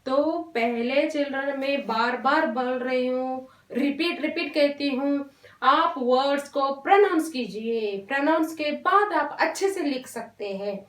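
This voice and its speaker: A woman teaching a Hindi lesson to young children, talking slowly and patiently, drawing out syllables and mixing in English words. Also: high voice, fairly bright tone, distant mic. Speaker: primary school Hindi teacher. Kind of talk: online classroom lesson. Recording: roomy echo, voice off-mic.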